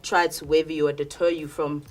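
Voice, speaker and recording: Deep-voiced woman, emphatic. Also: little pitch movement, a little fast. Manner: emphatic, preachy, says "bruh". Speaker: panel guest. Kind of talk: casual panel chat.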